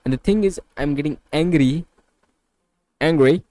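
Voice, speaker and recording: A man's voice: a little high, moderate pace, dark tone, no room sound. A tired young man vents in a casual confessional vlog about feeling irritable and worn out, sweaty from the heat of his bedroom. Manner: frustrated, venting, repetitive. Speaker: vlogger documenting a fitness journey. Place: hot small bedroom.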